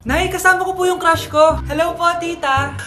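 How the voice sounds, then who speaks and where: A woman's voice: very high voice, fairly even intonation, normal speed. A woman with a Filipino accent acting out comic family skits, switching between a bratty child and a scolding mother. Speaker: comedy sketch creator. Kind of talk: comedic skits playing several family roles. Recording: echoey room with loud music behind.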